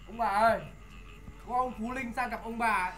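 A woman playing a cheeky young servant boy in a folk comedy film, quick and impudent in the way he talks. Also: fairly high pitch, a bit bright, soft background music, lightly acted.

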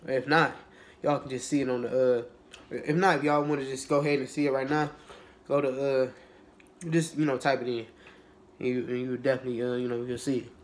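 Laid-back young man rambling with a cold. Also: a little fast. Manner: rambling, relaxed, many fillers and restarts; low-energy, laid-back. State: has a cold. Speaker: YouTuber. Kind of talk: casual mukbang vlog talk.

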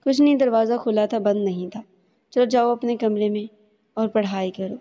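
A stern, scolding young older brother, as a woman storyteller reads his lines. The mellow, warm voice sits in a dull, lo-fi recording with a long echo. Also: medium pitch, close to an everyday voice. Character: young man, protective older brother, sharp-tongued. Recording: dull lo-fi audio with long reverb.

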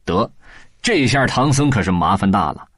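Male audiobook narrator; colloquial storyteller, low-pitched, animated delivery. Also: moderate pace, slightly rough, no room sound, clean studio sound.

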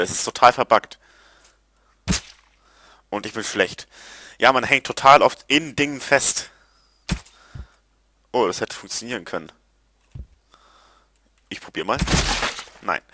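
Excitable man narrating his gameplay. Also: mid-range voice. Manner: excitable, yelps and groans at failures; curses casually. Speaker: let's player. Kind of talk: casual gameplay commentary.

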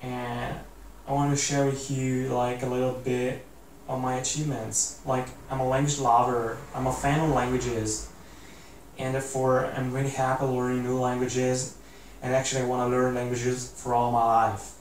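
A twenty-something Italian vlogger talks earnestly to camera from an armchair indoors, delivering a casual motivational ramble full of "like"s and restarts. His mid-range voice barely moves in pitch and keeps a moderate pace, recorded on a camera mic a few feet away with roomy echo and faint hiss.

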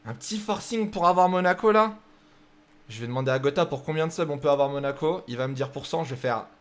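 A man's voice: fairly high pitch, fast talker, a little hiss or hum. A young man streaming live, chatting casually with his viewers and joking while he sets up racing games. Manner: joking, chatty, thinks aloud while setting up races. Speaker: streamer hosting a racing game night.

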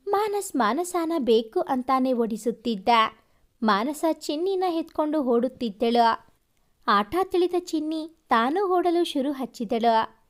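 Woman reading a love story out loud, high voice, takes it slow. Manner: slow, even storytelling with quoted dialogue. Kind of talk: scripted narration of a romance story.

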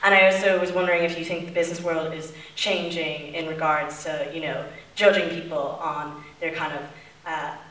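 A young woman in the audience puts a question to the panel politely, hesitating now and then. Her voice sits on the lower side. She sounds off-mic in an echoing hall. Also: flat delivery, normal speed, fairly bright tone, far from the mic. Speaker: audience member asking a question.

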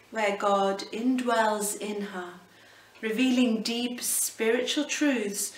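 A middle-aged woman, a cathedral canon, giving a reflective devotional talk with slow, gently emphatic delivery, speaking at medium distance from the camera in an indoor hallway. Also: fairly high pitch. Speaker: cathedral canon presenting a series. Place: indoor hallway at the foot of a staircase. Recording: roomy echo, voice a little off-mic.

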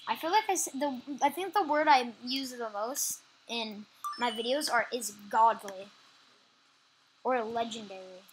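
A woman's voice: on the high side, a little hiss or hum, low-quality recording. Chatty young-sounding woman gamer. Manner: chatty, quick to agree, trails off mid-sentence. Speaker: gameplay channel co-host. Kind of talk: casual gameplay chat. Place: at home playing on a computer.

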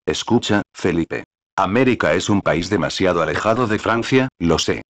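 Male reader voicing old aristocrat father, scheming and scornful, deep low voice. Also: expressive, moderate pace. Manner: scolding, mocking.

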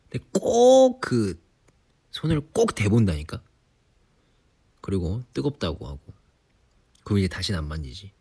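A young man in his twenties, relaxed and chatty on a sleepy late-night livestream, teasing himself for nagging like an elder. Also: deep voice, breathy edge. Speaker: idol livestream host. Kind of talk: casual livestream chat. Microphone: phone or device mic, voice-only live.

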